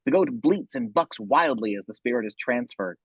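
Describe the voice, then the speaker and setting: Husky male narrator of horror action. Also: mid-range voice, lively intonation, moderate pace, dry recording. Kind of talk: scripted horror narration, reading stage action.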